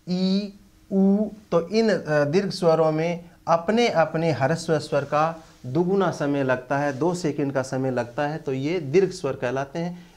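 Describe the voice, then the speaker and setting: Slow, deliberate male Hindi teacher. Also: a little high, darkish tone. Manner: slow, deliberate, with many drawn-out "a" fillers. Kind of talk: online lecture.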